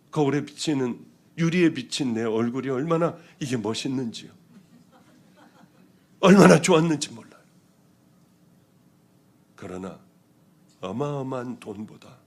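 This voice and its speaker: A male pastor preaching a testimony sermon, telling his story with lively acted-out quotes that swing from loud outbursts to hushed whispers. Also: mid-range voice. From South Korea.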